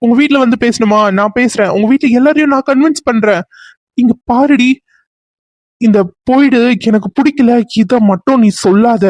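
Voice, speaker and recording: A man's voice: very high-pitched, moderate pace, darkish tone, no echo. A man voicing a possessive, jealous young man who is pushy and threatening in a cartoon serial. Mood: angry. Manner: pushy, threatening, then pleading.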